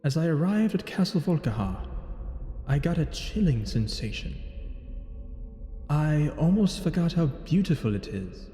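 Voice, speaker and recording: A mellow, higher-pitched male voice with big pitch swings plays a brooding, lonely vampire of a thousand years, telling his story somewhat slowly in formal, theatrical, solemn language. It is scripted narration over gameplay, with music and hall-like echo.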